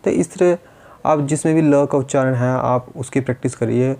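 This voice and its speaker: A man's voice: medium pitch, normal speed, creaky, warm tone. A man teaching a speech-therapy lesson, patiently demonstrating and repeating sounds step by step.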